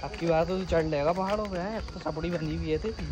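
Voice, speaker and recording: A man's voice: fairly high pitch, a little fast, music in the background. A young man from India filming a casual vlog outdoors on his phone, chatting and teasing his friend as he walks around. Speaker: vlogger. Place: outdoors at a hillside restaurant and park. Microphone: handheld phone. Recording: outdoor phone audio with clear background noise.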